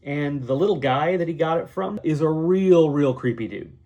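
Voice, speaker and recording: A man hosting a podcast, explaining in a chatty, animated way and briefly acting out the people he quotes. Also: fairly high pitch, normal speed, lo-fi sound. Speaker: podcast host. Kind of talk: casual explainer monologue.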